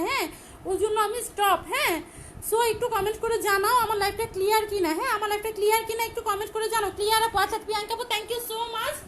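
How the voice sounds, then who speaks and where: A woman with a Bangladeshi Bengali accent, selling dresses on a live stream, talking loudly and repeating her pitch over and over. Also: slight background noise, poor audio. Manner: loud, repetitive sales pitch. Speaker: online shop seller.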